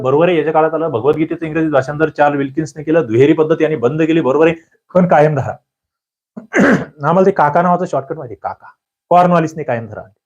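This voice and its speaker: A man leads a quiz-style exam prep lecture, firing lively questions at his listeners and then answering them himself. His pitch is medium, the recording is muffled, and he clears his throat often.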